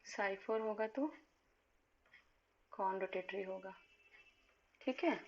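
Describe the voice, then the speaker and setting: एक महिला रसायन शिक्षिका ऑनलाइन कक्षा में क़दम-दर-क़दम समझाती है, गिनती ज़ोर से बोलती है और छात्रों के सवालों का जवाब देती है, हल्का हिंदी लहजा है।. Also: female voice, mid-range voice, takes it slowly. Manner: explains step by step, counts aloud, answers students. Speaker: chemistry teacher. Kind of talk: live online class. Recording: dull lo-fi online lesson audio.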